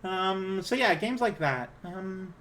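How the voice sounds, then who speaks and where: A woman with a low-set feminine voice chatting casually on a livestream, hesitant, apologetic and self-conscious in her manner. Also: animated, slow, a bit bright, slight background noise. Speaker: live streamer.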